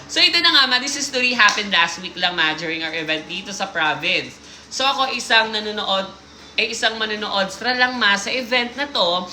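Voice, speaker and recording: Woman host reading listener stories on a stream, bright voice, playful and teasing; roomy echo. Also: medium pitch, a little hiss or hum. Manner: playful, teasing asides while reading aloud. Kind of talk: casual livestream chat.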